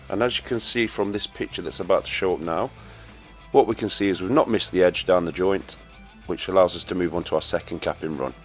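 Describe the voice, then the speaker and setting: A man giving a steady, instructive voice-over for a welding tutorial and talking straight to viewers. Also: low-pitched.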